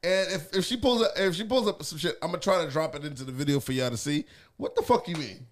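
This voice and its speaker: A man with a fairly high voice talks fast as a podcast co-host in casual chat. He's animated, swears a lot and laughs often.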